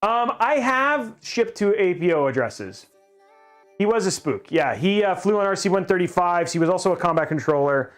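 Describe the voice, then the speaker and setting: A man's voice: high voice, very animated, moderate pace, soft background music. A middle-aged man hosting a live stream, chatting casually and rambling, often restarting his sentences as he reads viewer questions. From grew up in Japan. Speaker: livestream host.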